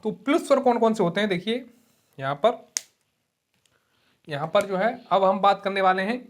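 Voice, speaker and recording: Casting note: male teacher in an exam-prep lecture, patient, repetitive, drags vowels out to demonstrate them. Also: high-pitched. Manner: explains slowly, repeats key terms and keeps saying "ठीक है". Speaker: Hindi teacher.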